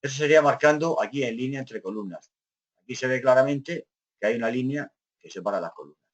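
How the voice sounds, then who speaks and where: A man teaching an office software class, explaining each step and often checking in with his students, slowing down and going quiet while he types. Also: mid-range voice, animated. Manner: slows down and trails off quietly while typing. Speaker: computer skills teacher. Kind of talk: screen-recorded software lesson.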